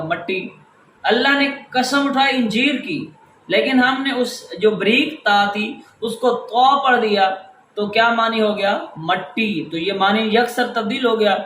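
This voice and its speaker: A man's voice: high-pitched, a bit bright, echoey room, slight background noise, poor audio. A man teaching a Quran reading class, patiently explaining step by step and repeating key words. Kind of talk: instructional lesson.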